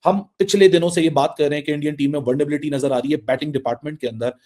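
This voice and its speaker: A man's voice: a little high, steady tone, racing, dark tone. A male cricket pundit from Pakistan delivers his analysis insistently in a slightly raised voice. He stacks point upon point to drive his verdict home. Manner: insistent, building lists for emphasis. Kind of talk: emphatic analysis.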